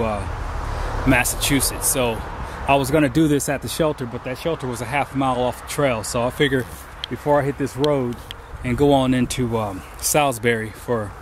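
A middle-aged thru-hiker vlogger talks casually and upbeat into a handheld camera held at arm's length, thinking aloud with fillers in a mid-range voice. He's outdoors on a forest trail and in a small town, and the camera audio picks up background noise.

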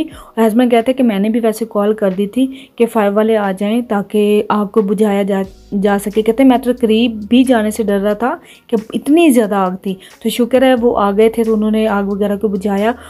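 Chatty woman vlogger, mellow voice. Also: medium pitch, steady tone, moderate pace. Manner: chatty, laughs often between sentences. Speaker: home vlogger and mother. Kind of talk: casual vlog narration.

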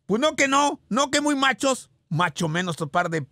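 A man's voice: extremely high pitch, sing-song, normal speed. A man voicing a boastful self-proclaimed Spartan god, teasing and theatrical as he mocks a video. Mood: mocking. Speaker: radio show host character. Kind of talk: mocking video reaction commentary. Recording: noisy background hiss.

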